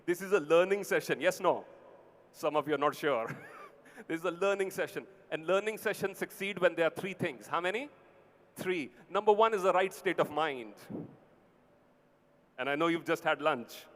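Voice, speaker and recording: A man's voice: fairly high pitch, moderate pace, long pauses. A man with an Indian accent giving a motivational talk to a large audience, teacherly, in short punchy phrases with prompting questions. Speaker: motivational speaker. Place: large event venue with long reverb. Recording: hall PA with long reverb.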